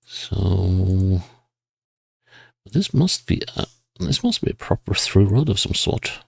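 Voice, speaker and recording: A man giving casual gameplay commentary, musing to himself and reading signs and place names aloud in a husky voice. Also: low voice, big pitch swings, slow, a little mellow, no echo. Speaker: GeoGuessr player.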